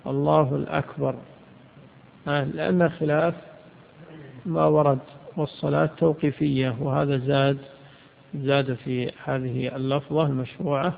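A man's voice: fairly high pitch, creaky. A man teaching a religious lesson on jurisprudence, posing questions and answering them himself. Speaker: Islamic scholar teaching jurisprudence. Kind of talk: religious lesson explaining a legal text. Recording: tinny phone-like lo-fi recording.

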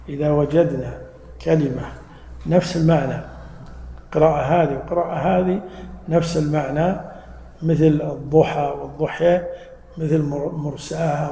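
Guy teaching a mosque class, gravelly mellow voice, keeps quizzing the crowd, big echoey hall. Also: on the high side, a little hiss or hum. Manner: explains patiently, quizzing listeners with questions. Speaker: religious teacher. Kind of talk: mosque lesson to a live audience. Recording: echoey hall with long reverb.

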